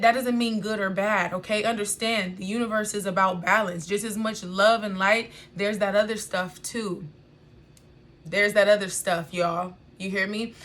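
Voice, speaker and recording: A woman's voice: medium pitch, fairly bright tone. An American woman speaking informally to viewers as a spiritual guide, in an emphatic, exhorting and familiar way, repeating phrases and checking in with her listeners. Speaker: spiritual reader and online guide.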